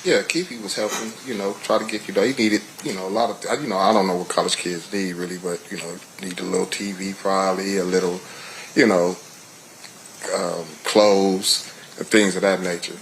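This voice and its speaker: A middle-aged American man giving witness testimony in a casual, colloquial way, halting and often saying "you know". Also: sits low, fairly even intonation, fairly bright tone, a little hiss or hum, poor audio. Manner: hesitant, halting, peppered with 'you know'.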